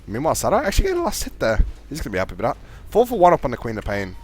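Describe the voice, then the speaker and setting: A man casting a live video game match, fast play-by-play with a fairly steady delivery. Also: mid-range voice. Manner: fast, chatty play-by-play talking to co-caster; calls his own voice monotone. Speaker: esports caster.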